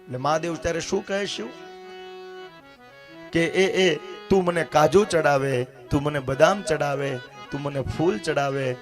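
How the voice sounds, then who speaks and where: High-voiced man telling a devotional story. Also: a little slow, long pauses, soft background music. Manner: dramatic, acts out dialogue, addresses listeners directly. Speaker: katha storyteller.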